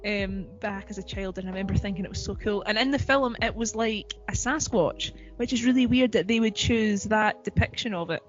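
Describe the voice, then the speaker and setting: A woman's voice: medium pitch, fairly quick, few pauses, dull audio, faint music behind. A woman co-hosting a podcast in casual chat, talking in a chatty, giggly way with lots of fillers. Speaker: podcast co-host.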